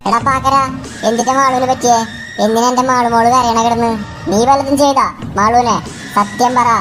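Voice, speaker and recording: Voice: mid-range voice, fairly even intonation, fairly quick, lightly acted. A performer voicing a doting male schoolteacher in a comic cartoon dub, coaxing and fussing. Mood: questioning. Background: loud music.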